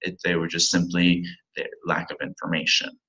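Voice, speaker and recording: A man's voice: deep voice, monotone, normal speed, bright, forceful tone, poor audio. A young man in his twenties, a pharmacy student, giving a recorded slide presentation and reading from his slides with small slips and restarts.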